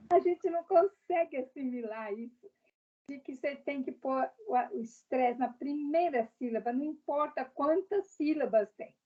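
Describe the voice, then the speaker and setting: A woman's voice: high voice, a little slow, dull audio. A woman from Brazil, a guest in a casual interview, speaking directly and explaining her views with examples.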